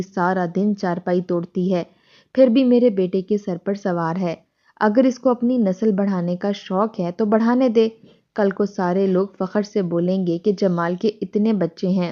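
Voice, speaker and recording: A woman's voice: mid-range voice, close to an everyday voice. A woman voicing a bedridden, scornful elderly mother-in-law who nags and scolds, in a dull lo-fi recording.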